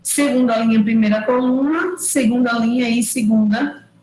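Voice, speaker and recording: A woman's voice: fairly high pitch, fairly even intonation, moderate pace, reverberant, noisy background. Woman lecturer explaining step by step. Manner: explains step by step, checks in with tag questions. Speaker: university lecturer. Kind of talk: online engineering lecture. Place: room at home or office, recorded over a digital platform. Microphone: computer mic on a video call.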